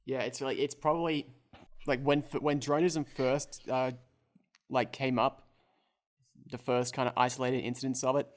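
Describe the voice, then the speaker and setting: A man's voice: medium pitch, flat delivery, moderate pace, pauses often. A young man playing a tabletop role-playing game, describing his actions in a rambling, joking way. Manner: rambling, full of filler words and restarts, joking. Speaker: player. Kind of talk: casual tabletop role-play narration.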